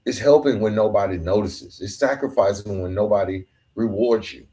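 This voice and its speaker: Warm in tone and on the low side, this man's voice moves at a moderate pace as he hosts a podcast. His solo motivational monologue is earnest, emphatic and colloquial, with occasional stumbles.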